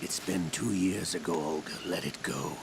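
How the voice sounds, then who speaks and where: A man playing a menacing older villain commander in a video game, deliberate and condescending in dramatic delivery. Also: sits low, vocal fry, noisy background. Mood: cool, dismissive.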